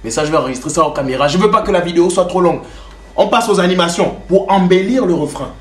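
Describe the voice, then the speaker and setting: A young man talks through his music-making process in a casual, rambling way. His voice sits fairly high. The bedroom adds a noticeable roomy echo. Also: quick pace. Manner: loose and chatty, many fillers like "genre". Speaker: home music producer and rapper. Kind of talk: casual tutorial talk to camera.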